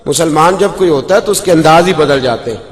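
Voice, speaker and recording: A man preacher telling a story in an emotional sermon, moving between soft and loud passages. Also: fairly high pitch. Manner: impassioned, swings from soft to loud. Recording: reverberant hall.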